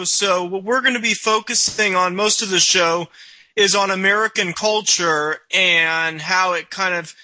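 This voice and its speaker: Male podcast host, hesitant, many fillers, high bright voice, dry recording. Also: no room sound. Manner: hesitant, fills with "uh". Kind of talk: interview hosting.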